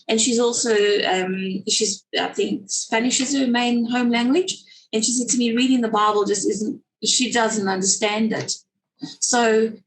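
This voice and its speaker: On a low-quality recording, a woman with a South African accent and a voice on the high side speaks casually as a guest on a video call webinar. A children's story writer, she rambles, using many fillers and starting over often.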